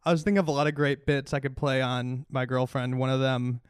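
A man hosting a podcast with casual comedic banter in a relaxed, calm manner. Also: mid-range voice, brisk, clean tone, dry recording, clean studio sound. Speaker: podcast host.

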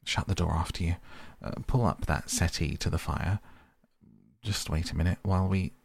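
An eager, fretful little mole from a storybook, as a man puts him on. The voice is deep and gravelly, and the speech is slightly husky. It sounds close and dry. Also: moderate pace, dry recording, full character voice. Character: eager anxious small male mole.

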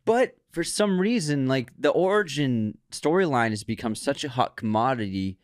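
Co-hosting a casual movie podcast, a man enthusiastically explains game stories and agrees often. His mid-range voice is animated and at normal speed, recorded with clean studio sound and no echo.

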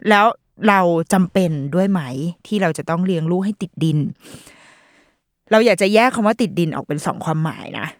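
A woman's voice: fairly low pitch, a little fast, no echo, studio quality. Chatty woman hosting a parenting podcast. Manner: chatty and playful, with lots of fillers and mock quoted voices. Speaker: podcast host. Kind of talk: casual parenting chat.

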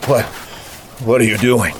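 A man playing a weak, exhausted older boss in an audio drama, halting and faltering, with an annoyed edge. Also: medium pitch, background noise, natural voice. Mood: weary, confused. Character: exhausted, freezing older male boss, irritable and fading. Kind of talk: dramatic audio fiction acting.

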